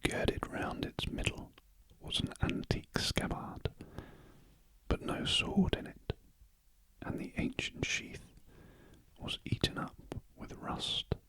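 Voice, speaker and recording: A man with a British accent narrating a classic story as ASMR in a very gentle, breathy whisper, close to the microphone, pausing between short phrases. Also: rough recording. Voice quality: soft, breathy unvoiced whisper. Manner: very gentle, slow, measured reading with pauses. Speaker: ASMR reader. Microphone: close ear-to-ear stereo microphone.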